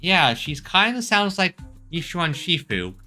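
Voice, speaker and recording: A man's voice: high voice, sing-song, measured pace, bright, forceful tone, soft background music. A man giving casual commentary as he plays a game and reads its text aloud, sometimes stumbling over names. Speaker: game player and streamer.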